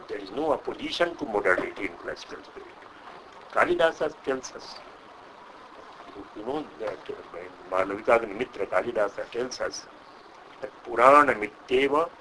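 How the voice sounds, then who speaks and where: An older Indian man with an Indian English accent explains at length in a measured, lecturing way, often pausing on "uh". His voice is low yet bright and forceful. Faint noise sits under the recording. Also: low-quality recording. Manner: measured, hesitant with frequent uh, lecturing. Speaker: Sanskrit scholar. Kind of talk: interview answer.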